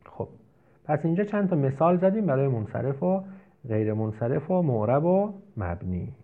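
A man's voice: mid-range voice, very animated. A man teaching an Arabic grammar lesson. He explains step by step and asks and answers his own questions. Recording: tinny phone-like audio.

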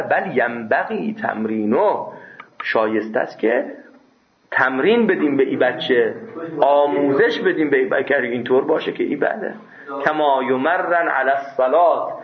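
A man teaching a seminary class. He reads classical quotes slowly, then explains them in a lively, chatty way with jokes. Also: medium pitch. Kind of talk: classroom lecture on a religious law text. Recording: roomy, dull lo-fi recording.

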